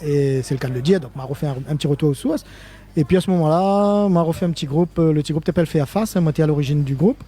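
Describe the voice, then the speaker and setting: Speaking French colored by a Réunion Creole accent, an older musician joins a relaxed live interview as a guest. His slightly high, dark-toned voice races along as he wanders off topic, starts over and laughs a lot.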